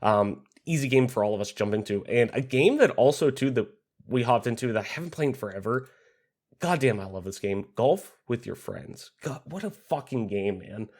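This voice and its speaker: A man hosts a casual gaming podcast chat, his medium-pitched voice a little mellow and slightly raspy from a cold. Expressive and at a moderate pace, he rambles loosely, with lots of fillers and swearing.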